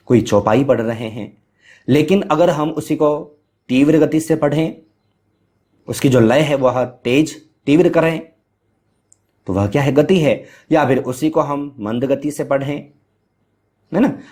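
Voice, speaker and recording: Brief: male teacher, mid-pitched voice, poses questions and answers them himself, explanatory lecture. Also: warm tone. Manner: explains with rhetorical questions and fillers; chants Sanskrit verse at varying speed. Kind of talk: Hindi grammar lecture.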